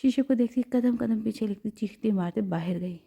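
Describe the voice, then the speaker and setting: A woman narrating a romance audio novel in a steady storytelling way. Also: medium pitch, gravelly, husky. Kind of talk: scripted narration. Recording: dull lo-fi.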